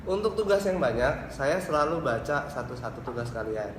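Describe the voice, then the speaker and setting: An Indonesian university lecturer answers interview questions, explaining his points one by one. His voice is fairly high with lively intonation and a moderate pace, recorded in an echoey room with clearly audible background noise.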